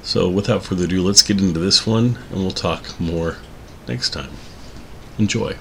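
A man with an extremely deep yet bright voice hosts a podcast. He rambles casually and pauses to think, with a faint rumble behind him. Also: vocal fry. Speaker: podcast host. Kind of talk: casual, rambling introduction to old radio shows.

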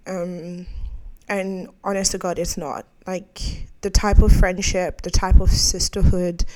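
A woman's voice: fairly low pitch, level tone, takes it slowly, dark tone. Young woman podcast host, frank and rambling monologue, laughs easily. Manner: candid, rambling, laughs often.

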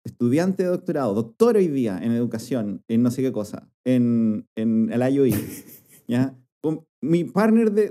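A man co-hosting a casual chat, telling stories playfully with many fillers. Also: mid-range voice. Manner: playful, animated storytelling with fillers. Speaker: podcast co-host.

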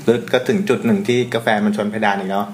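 A man hosting a casual food podcast, playful and quick to joke. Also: lowish voice, fairly even intonation, darkish tone. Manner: playful, joking, laughs often. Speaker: podcast host. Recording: echoey room with faint noise.

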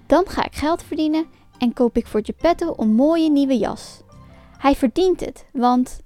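A woman voicing Pinocchio, an eager wooden puppet boy, in a high, excited voice. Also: unhurried, faint music behind.

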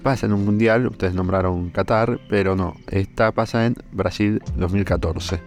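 Argentine man telling a lively story. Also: lowish voice, soft background music. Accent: Argentine Spanish. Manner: animated, drawn-out fillers, laughs while telling. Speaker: podcast host. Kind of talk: casual storytelling chat.

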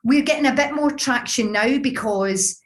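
A woman's voice: high voice, normal speed. A woman with a Glaswegian accent giving conversational interview answers, explaining her points with examples. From Scotland. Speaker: business founder, interview guest.

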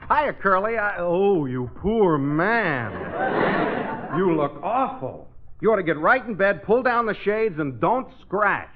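An actor playing a brash, cheerfully insulting young pal in a 1950s radio sitcom. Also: male voice, sits high, big pitch swings, takes it slowly, a little hiss or hum, heavily acted. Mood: teasing. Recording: muffled vintage radio broadcast.

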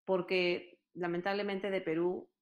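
A woman's voice: lowish voice, flat delivery, measured pace, dull audio. A Peruvian woman telling stories in a casual chat, earnest and full of fillers. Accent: Peruvian Spanish. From Peru. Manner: hesitant, many fillers, earnest storytelling.

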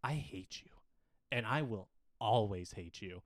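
A man playing a petty, bragging male head of the family in an improvised comedy audio drama, spiteful and prone to loud outbursts. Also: fairly low pitch, expressive, measured pace, no echo, clean studio sound. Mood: gloating.

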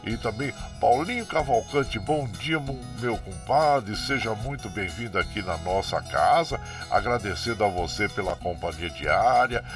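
Male country radio host, caipira Brazilian accent, folksy and chatty, lowish voice over faint music. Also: expressive, a little slow, hardly any pauses. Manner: folksy, chatty, repeated country greetings and tag questions. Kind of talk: casual country-music radio show, greeting listeners.

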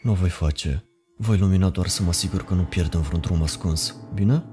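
A man plays a protective young man in a scary story. His low voice stays steady and reassuring. Music plays behind him. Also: lightly acted. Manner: calm and reassuring.

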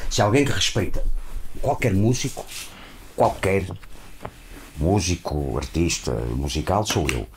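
A man's voice: low voice, big pitch swings, unhurried, pauses often, background noise. A man with a Portuguese accent talking casually in a group discussion, often repeating words and phrases insistently.

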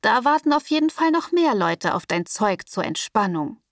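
A woman's voice: fairly high pitch, sing-song, normal speed, no room sound, clean studio sound, far from the mic. Woman playing a cocky, easygoing young man. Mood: smug. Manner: easygoing, smug and soothing. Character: calm, cocky young man cutting a deal.

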